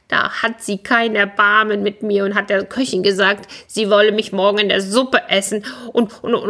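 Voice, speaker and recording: A woman's voice: mid-range voice, bright, forceful tone, voice pushed up. A woman voicing a frightened rooster in a children's story, agitated and stammering. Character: frightened rooster, loud and fretful.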